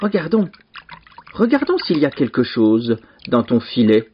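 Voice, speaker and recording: A man's voice: mid-range voice, wildly swooping pitch, unhurried, slight background noise. A man voicing a simple-minded, chattering young peasant brother who is naive and eager. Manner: naive and eager, blurts things out. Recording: dull lo-fi recording.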